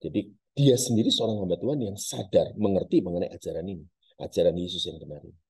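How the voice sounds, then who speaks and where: A man's voice: sits low, quick pace, gravelly, darkish tone, slightly rough. A male pastor preaching a sermon, telling a story dramatically and addressing his congregation directly. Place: church service.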